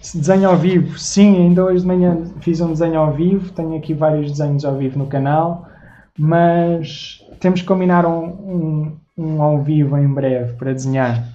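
Here a live-stream host and artist in his twenties, speaking with a European Portuguese accent from Lisbon, thanks his viewers by name in a relaxed chat. His pitch is fairly high and steady, his speed normal and his timbre dark. He's indoors in a small home room, and the recording has its highs cut off.

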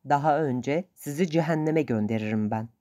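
A woman voicing a greedy, sharp-tongued male boatman who answers back in quick, defiant retorts. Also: low-pitched, lightly acted.

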